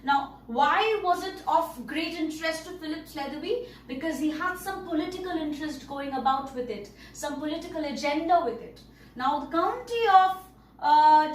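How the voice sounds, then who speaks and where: High-voiced woman teaching from afar. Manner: repeats and explains words, many "okay" and "all right" checks. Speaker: English teacher. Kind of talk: classroom lesson explaining a story. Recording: roomy, distant mic, faint noise.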